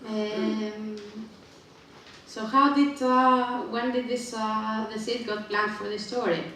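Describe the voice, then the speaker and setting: A woman's voice: on the high side, fairly even intonation, slow, a bit bright. A woman from Greece, a native Greek speaker, presenting her children's book, speaking hesitantly with many filler sounds between phrases. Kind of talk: public book presentation talk. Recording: distant, very echoey room with faint ambient noise.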